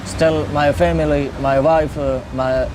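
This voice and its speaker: A man from Afghanistan giving a halting interview testimony in English, often searching for words. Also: fairly high pitch, level tone, background noise. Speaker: refugee interviewee. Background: background music.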